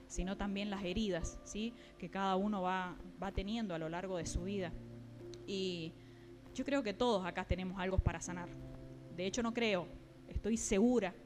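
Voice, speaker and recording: A woman delivers a sermon in a voice of middling pitch. She speaks directly to her listeners, often stopping with small fillers and asking whether they follow. Soft music plays faintly underneath. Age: adult, mother. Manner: keeps checking in with listeners, pausing with fillers. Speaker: preacher.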